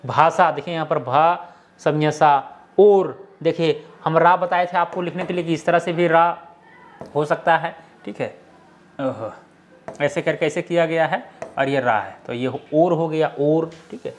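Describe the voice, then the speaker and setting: A man's voice: on the high side, measured pace. A man explaining a script lesson step by step, often checking in with the viewer. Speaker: teacher.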